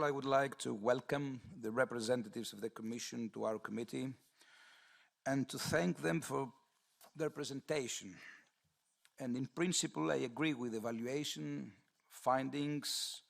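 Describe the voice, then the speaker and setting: A man from Greece, giving a formal, measured statement to a committee. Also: medium pitch, creaky. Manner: formal, measured, read-out delivery. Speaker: committee member.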